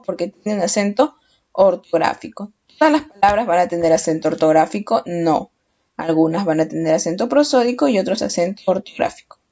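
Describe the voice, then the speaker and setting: A woman's voice: mid-range voice, darkish tone. Patient Spanish-speaking woman teaching a class. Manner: slow, patient, asks questions and answers them. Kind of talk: children's lesson. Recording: dull lo-fi recording.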